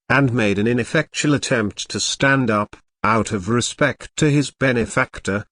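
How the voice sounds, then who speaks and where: A man narrating a classic novel in a measured storybook reading. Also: medium pitch, a bit bright, no echo, studio quality.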